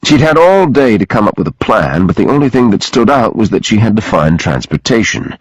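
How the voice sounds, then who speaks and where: Low, husky male audiobook narrator. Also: brisk, dry recording, low-quality recording. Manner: expressive, dramatic reading.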